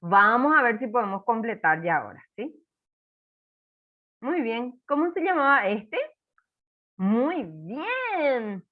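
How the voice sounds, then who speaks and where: A woman teaching a first-grade class, slow and encouraging, spelling words out for young children. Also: on the high side, sing-song, phone-quality sound. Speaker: primary school teacher.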